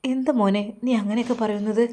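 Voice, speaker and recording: A woman's voice: on the high side, fairly even intonation, quick pace, mellow, natural voice. A woman voicing a grieving middle-aged mother who pleads tearfully with her son.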